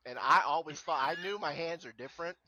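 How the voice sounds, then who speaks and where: A man's voice: fairly high pitch, brisk, sharp tone, no echo. A man co-hosting a casual podcast chat, cursing and making fun of himself. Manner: profane, self-mocking humor. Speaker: podcast co-host.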